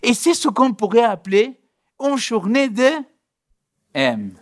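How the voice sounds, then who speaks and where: A man's voice: very high voice, big pitch swings, takes it slowly. A man, a pastor, giving a sermon from a church stage, telling stories and acting out both sides of the scene.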